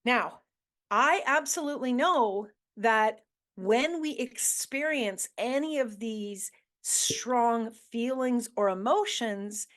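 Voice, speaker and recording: A woman host with a fairly high, expressive, slightly bright voice leads a motivational talk. Slow and deliberate, she coaches listeners through earnest questions and emphatic repetition.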